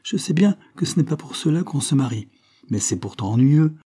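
A stout, sullen businessman who grumbles his complaints, read by a man. The voice is dark and husky. An audiobook reading. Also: a little high, expressive, a little fast, voice pushed up. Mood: grumpy.

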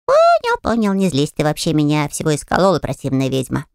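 A woman's voice: low voice, huge pitch swings, brisk, clear, resonant tone, no echo, voice pushed down, heavily acted. Squealy little winged pest guy, whiny and bratty, woman doing the voice, super dry sound. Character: small mischievous winged male trickster creature.

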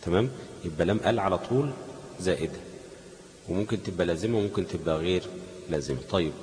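A man's voice: low voice, fast, darkish tone, long reverb tail, a little hiss or hum, rough recording. A man with an Egyptian Arabic accent teaching a class on Quran recitation, asking leading questions that the students finish.

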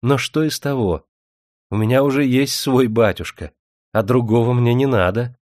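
A bold, cheerful young village girl from a storybook, lilting and teasing, as a man puts her on. The voice is a man's low voice lifted a little and kept dry. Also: moderate pace, a little mellow, no echo, close to an everyday voice. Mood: playful. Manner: lilting, playful.

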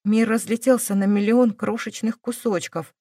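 A woman reading a novel aloud in steady scripted narration. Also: medium pitch, moderate pace, no echo, clean studio sound. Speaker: audiobook narrator.

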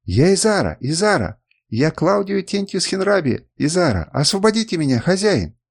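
A man's voice: medium pitch, big pitch swings, normal speed, darkish tone, lightly acted. A man voicing a frightened young captive woman who pleads tearfully in an audiobook reading. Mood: pleading.

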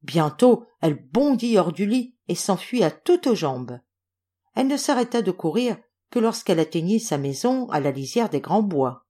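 Lively woman reading a fairy tale. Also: lowish voice, moderate pace. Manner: expressive storytelling. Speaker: audiobook reader.

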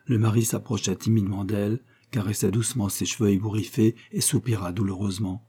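A man narrating a literary short story for an audiobook in a measured, solemn manner. His voice sits low with a dark, mellow color. A slight huskiness runs through his reading. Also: steady tone, slightly rough.

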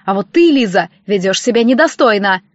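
A woman voicing a smug, self-righteous estranged husband, speaking loudly and indignantly, on a dull, dry recording. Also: medium pitch, lively intonation, fairly quick, no echo, close to an everyday voice. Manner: indignant, loud and sanctimonious.

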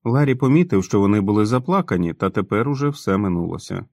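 Guy narrating an audiobook, lowish voice, dry booth sound. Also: quick pace, gravelly, no room sound. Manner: expressive reading with acted dialogue. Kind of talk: scripted narration.

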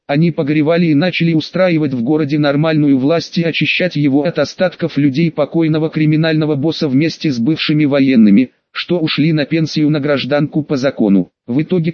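A man narrating an audiobook in the first person, with brisk and casual storytelling. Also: a little high, dry recording. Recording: dull, dry lo-fi recording.

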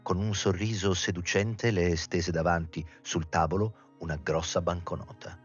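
A man reading a novel aloud in a measured, dramatic storytelling manner with a husky voice. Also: sits low, flat delivery, highs cut off, soft background music. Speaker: reader. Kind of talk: literary audiobook reading.

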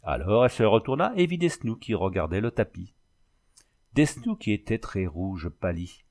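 A man's voice: lowish voice, moderate pace. A man narrating a story aloud as an audiobook, with dramatic delivery. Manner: expressive, dramatic. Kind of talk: audiobook reading.

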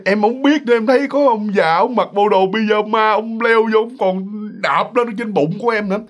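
A man's voice: high voice, normal speed, voice pushed up, lightly acted. A man voicing a panicked pregnant young wife. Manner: pleading and panicked.

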